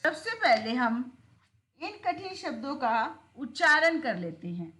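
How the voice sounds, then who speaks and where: A woman teacher giving a lesson, explaining step by step and saying words slowly so students can repeat after her. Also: high-pitched, sing-song, fairly bright tone, heavy reverb. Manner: slow, clear, repeats words for students to follow.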